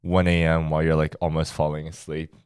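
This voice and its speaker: A teenage guy from China co-hosting a podcast, chatting casually and leaning on fillers. His voice is very deep, and the sound is close and dry with no room echo. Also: completely flat delivery, brisk, a little mellow, smooth. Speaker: podcast co-host. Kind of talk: casual chat.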